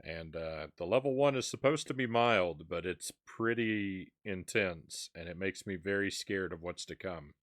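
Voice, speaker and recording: A man's voice: deep voice, a little slow, hardly any pauses. A man hosting a live stream, chatting casually with viewers and sighing as he eats spicy snacks. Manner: chatty, sighs and reacts while eating spicy seeds.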